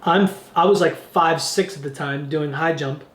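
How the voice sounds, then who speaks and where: A man's voice: a little high, moderate pace, a bit bright. A man in his twenties hosting a podcast, joking around and swearing casually as he chats. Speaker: podcast host. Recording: echoey room.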